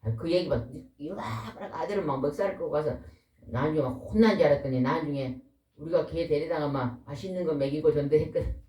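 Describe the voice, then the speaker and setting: A woman preaching a lively, folksy sermon, a pastor's wife who keeps asking the congregation questions. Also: sits low, fairly quick. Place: church hall. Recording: echoey hall, voice from far off.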